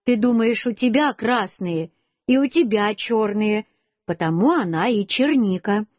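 A woman's voice: mid-range voice, expressive, measured pace, dry recording. A woman voicing a kindly grown uncle who teases and explains patiently, in a storybook reading. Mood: teasing. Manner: cheerful, teasing, explaining patiently. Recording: dull lo-fi dry recording.

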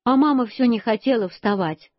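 A woman reading a children's story aloud, slow and expressive in a childlike storytelling manner. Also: on the high side, dry recording. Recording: dull lo-fi dry recording.

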